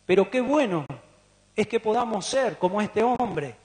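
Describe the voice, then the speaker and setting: A man's voice: high voice, expressive, unhurried, darkish tone. A man with a Rioplatense Spanish accent preaching a sermon, putting questions to the congregation. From Argentina. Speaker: pastor. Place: church hall. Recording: long church reverb.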